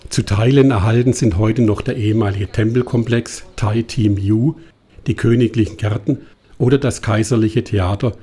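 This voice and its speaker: A man reads a travel documentary voice-over in a calm, measured way. His voice sits a little low and sounds warm and mellow. It has the even delivery of scripted narration. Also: breathy edge.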